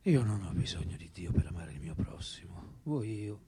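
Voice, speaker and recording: Over a noisy background, a male actor voices an elderly, unrepentant French philosopher for radio drama, low-pitched and animated. His measured, reflective speech keeps dropping toward a breathy whisper, and the mood is serene.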